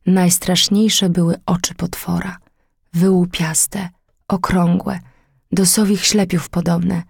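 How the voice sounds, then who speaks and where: A woman narrates an old tale as an audiobook, measured and dramatic. Her voice has a husky, breathy grain. The recording is close and dry. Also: lowish voice, dry recording.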